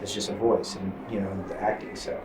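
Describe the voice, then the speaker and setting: A man, an actor on a convention panel, answering candidly with halting restarts and fillers. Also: on the low side, level tone. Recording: roomy distant mic with faint noise.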